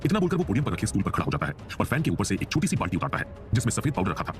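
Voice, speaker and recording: Fast, animated male story narrator. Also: on the low side, over music. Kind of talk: storytelling audio drama narration.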